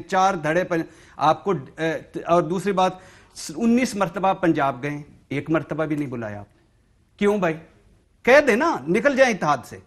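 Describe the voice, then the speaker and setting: A man, a journalist guest on a talk show, arguing heatedly and firing repeated rhetorical questions. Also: sits high.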